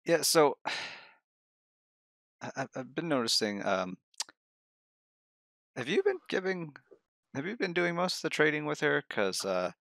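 A man playing a tabletop role-playing game over voice chat, thinking aloud in a halting manner. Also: fairly high pitch, very animated, creaky, a bit bright, no room sound. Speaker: tabletop role-play player.

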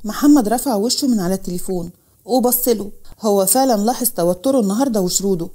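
Fast-reading Egyptian woman storyteller. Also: medium pitch, warm tone. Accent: Egyptian Arabic. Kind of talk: storybook narration.

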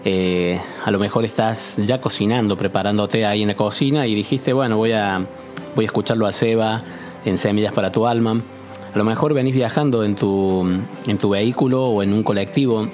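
Low-voiced Argentine radio host. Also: male voice. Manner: warm direct address to the listener, encouraging.

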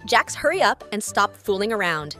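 A peppy, friendly young woman scolds her friends in a bright, lively voice, as a man puts her on. Her tone is high and bouncy. Faint game music plays in the background. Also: moderate pace, heavily acted. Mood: impatient.

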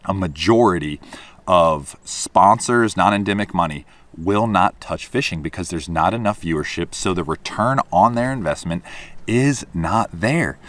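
A man's voice: deep voice, lively intonation, unhurried, fairly bright tone. A man on a boat delivers an opinionated monologue to camera, explaining emphatically with rhetorical questions and repeated points. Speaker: fishing content creator. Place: on a boat, outdoors.

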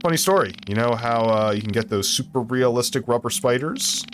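A man's voice: medium pitch, lively intonation, brisk, a little hiss or hum, lightly acted. A man voicing a friendly old classmate sending chat messages, in a chatty, upbeat manner.

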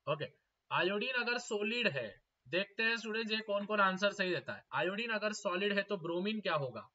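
A young man teaching a live exam-prep class, repeating each question and urging students to answer fast. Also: high-pitched, lively intonation, bright, forceful tone. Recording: slightly dull lo-fi audio.

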